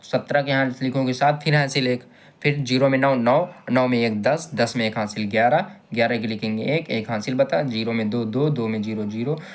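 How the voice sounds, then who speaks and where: A man's voice: medium pitch, fairly quick. A man teaching a maths lesson step by step, patiently repeating each step and asking his students questions. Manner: patient, repeats steps and asks the class questions.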